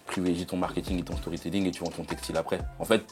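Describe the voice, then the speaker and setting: A middle-aged man as a guest on a chat show, talking in a relaxed, slangy way and often repeating the same stock phrase. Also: sits low, racing, soft background music. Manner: relaxed slangy talk, repeats "c'est ce que je veux dire". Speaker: guest, clothing brand founder. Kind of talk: casual interview chat.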